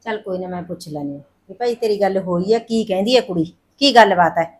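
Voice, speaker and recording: An actress playing a middle-aged sister who briskly brushes off worries and reassures, in a short film drama. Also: female voice, medium pitch, natural voice.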